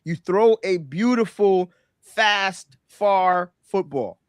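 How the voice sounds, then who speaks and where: A man in his forties co-hosting a sports podcast, talking in a halting, emphatic way with lots of repeated words. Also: high voice, lively intonation, clear, resonant tone, dry recording, clean studio sound. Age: 40s. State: out of breath. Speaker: podcast co-host and referee. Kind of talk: casual sports chat.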